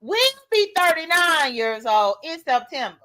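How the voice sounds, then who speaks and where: Woman in her late 30s, high voice, blunt and emphatic, vlog commentary. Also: lively intonation, a little slow, a bit bright, poor audio. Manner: emphatic, blunt, talks straight to viewers. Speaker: vlogger. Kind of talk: casual commentary monologue.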